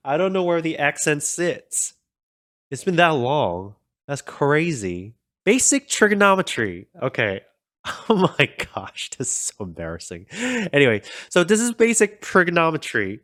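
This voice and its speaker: A man's voice: mid-range voice, no echo. Tutorial host: casual man talking through code at his desk, chatty and self-deprecating, dry close mic. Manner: chatty, self-deprecating, thinks aloud with fillers. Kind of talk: casual code-along explanation.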